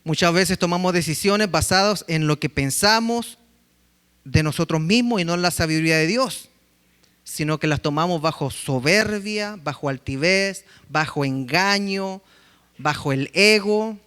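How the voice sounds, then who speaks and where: A man preaching a sermon as pastor, telling stories with lively acted-out quotes. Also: fairly high pitch, measured pace, smooth, long reverb tail. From Chile. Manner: lively storytelling, acting out quotes. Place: church sanctuary.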